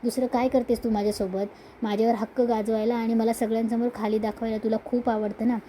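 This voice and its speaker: A woman's voice: fairly high pitch, level tone, fast talker, mellow, slight background noise, close to an everyday voice, rough recording. A woman voicing a spoiled, resentful young woman who sulks and accuses her elder sister. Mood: accusing. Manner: sulky, accusing.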